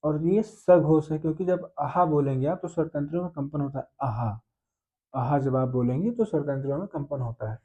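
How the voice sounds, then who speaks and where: Guy teaching grammar, bit high voice but mellow, kinda dull lo-fi sound. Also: fast, hardly any pauses. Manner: explains step by step, asks and answers own questions. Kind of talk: grammar lesson.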